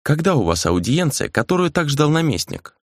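A man's voice: fairly high pitch, big pitch swings, normal speed, no echo, studio quality, voice pushed up. A man voicing an ancient spirit that speaks through a girl, cool, indifferent and musing. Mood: detached.

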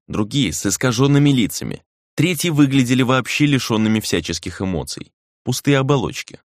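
A man reading a dark fantasy novel aloud as an audiobook narrator, measured and dramatic, slowing down for emphasis. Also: fairly low pitch, no room sound, clean studio sound.

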